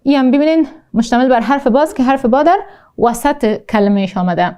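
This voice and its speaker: A woman with an Afghan Dari accent teaching a recorded language lesson, slowly repeating each word twice and explaining with frequent hesitations. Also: high voice, dark tone, clear, resonant tone. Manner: slow, deliberate pronunciation drills, repeating each word twice. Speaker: Arabic teacher.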